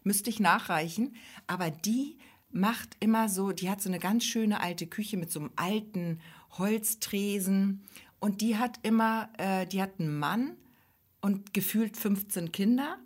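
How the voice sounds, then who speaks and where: A chatty woman in her forties co-hosts a relaxed podcast. She tells stories at length, mocking herself and going off on tangents. Her voice sits in a middle pitch. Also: unhurried, husky. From Germany. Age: 40s. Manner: chatty, storytelling, self-mocking. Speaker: podcast co-host. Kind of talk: casual chat.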